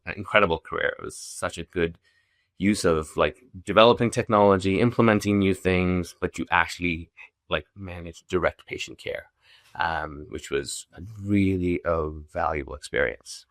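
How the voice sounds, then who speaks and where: A man's voice: deep voice, moderate pace, a bit bright, no room sound, studio quality. A middle-aged man from Zambia, a company founder talking casually as a podcast guest, with many restarts and fillers. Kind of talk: casual interview chat.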